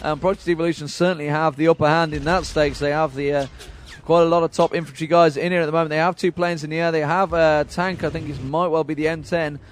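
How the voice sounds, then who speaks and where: A male esports caster rattles off play-by-play at a brisk clip, his voice sitting high. He calls the action live from a LAN event, with faint background noise. His delivery is quick and chatty, with frequent chuckles. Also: level tone. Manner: rapid play-by-play, chuckles often. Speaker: esports commentator. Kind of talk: live game commentary. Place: noisy LAN event hall.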